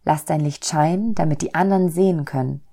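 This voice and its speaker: A woman voicing a kind, calm and patient God in a storybook reading, explaining gently. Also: deep voice, a little fast, breathy edge.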